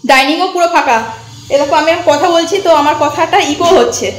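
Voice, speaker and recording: Quick high-voiced woman vlogging, showing stuff around, big echo from the empty room. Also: slight background noise. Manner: chatty, showing things around. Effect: echo of a bare, emptied room. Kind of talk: casual vlog talk to viewers. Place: emptied home, indoors.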